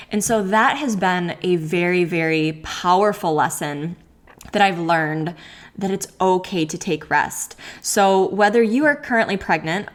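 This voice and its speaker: A pregnant woman in her thirties hosting a solo podcast Q&A, talking candidly with many likes and ums and frequent laughs. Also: medium pitch. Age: 30s. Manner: laughs often while talking. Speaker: podcast host.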